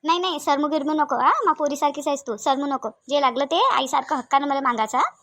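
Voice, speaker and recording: A woman's voice: high-pitched, quick pace, fairly bright tone, dry recording. A woman voicing a kind, talkative older village woman with a Varhadi Marathi accent, coaxing and repeating herself in a cartoon. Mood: comforting. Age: middle-aged. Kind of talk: cartoon voice acting.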